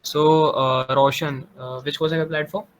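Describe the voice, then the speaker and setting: A man's voice: fairly high pitch, level tone, moderate pace. A man quizzing an applicant in an online interview, asking direct questions with a few fillers. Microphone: computer microphone on a video call.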